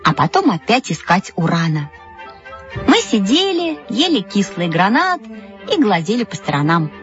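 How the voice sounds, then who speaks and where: A woman narrating a first-person children's story in an expressive audiobook reading. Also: mid-range voice, moderate pace. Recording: dull audio, faint background music.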